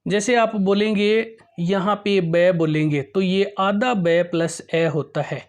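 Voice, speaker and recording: A slow, deliberate teacher talking through the Hindi alphabet. The voice sits at a middle pitch and takes its time, stretching out each syllable and example word. The teacher speaks directly to parents and teachers about how to drill children. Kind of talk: explaining Hindi vowel signs.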